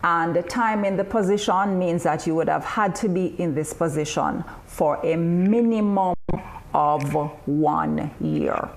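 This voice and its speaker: A woman leads a webinar over a video call. She explains things slowly and deliberately in a fairly low voice, with an upbeat, persuasive tone. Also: creaky. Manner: measured, explanatory, upbeat sales pitch. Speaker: training presenter. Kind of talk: webinar presentation.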